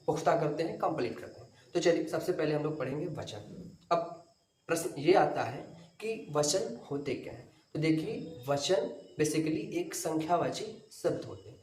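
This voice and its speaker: A man's voice: on the high side, darkish tone, a little hiss or hum. A male teacher lecturing a class step by step, asking questions and then answering them himself. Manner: explains step by step, asks and answers own questions. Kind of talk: classroom lecture to exam students. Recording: roomy echo, from far off.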